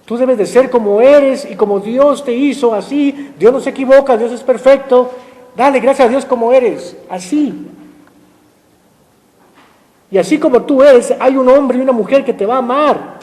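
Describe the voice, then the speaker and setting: High-voiced preacher. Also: male voice, darkish tone, in a large hall. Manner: emphatic preaching with rhetorical questions, slows for scripture. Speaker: pastor. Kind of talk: sermon. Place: church sanctuary.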